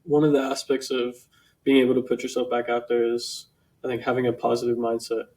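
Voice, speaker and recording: Flat, mellow-voiced male host. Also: mid-range voice, fairly quick. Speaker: podcast host. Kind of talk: interview questions.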